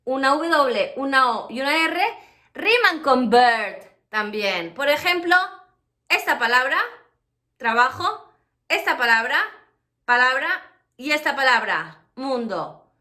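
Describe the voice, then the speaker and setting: A woman teaches English pronunciation in a bright, high voice. Her pace is unhurried, and she pauses to model each English word slowly. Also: lively intonation. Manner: explains with many examples, then models English words slowly. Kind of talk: pronunciation lesson.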